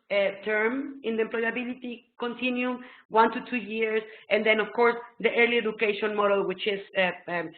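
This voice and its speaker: A middle-aged woman presents a webinar from a small room, her Mexican Spanish accent clearly coloring her English. With a mid-range voice she explains eagerly and excitably, full of ums. The audio comes through a laptop webcam video call, tinny, phone-like and echoey.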